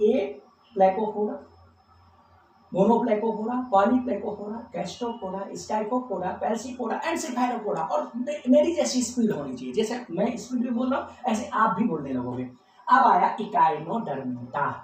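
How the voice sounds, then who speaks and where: A man's voice: sits high, distant mic. Man, teacher, drills memory tips, very echoey room, faint background hum. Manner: chants lists of names slowly and repeats them. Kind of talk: biology lecture drilling mnemonics.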